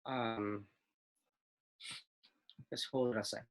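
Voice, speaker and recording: A man's voice: on the low side, fairly even intonation, very slow, low-quality recording. A man presenting a financial planning talk over a video call, his audio choppy and breaking up as he explains step by step. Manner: explains step by step, restarts words. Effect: choppy, breaking-up video call connection. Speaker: speaker on a webinar.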